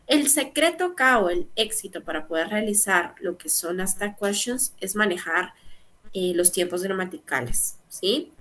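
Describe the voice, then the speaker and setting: A young woman with a mid-range, slightly bright voice teaches an English grammar lesson. She explains each step patiently and checks in with her students often.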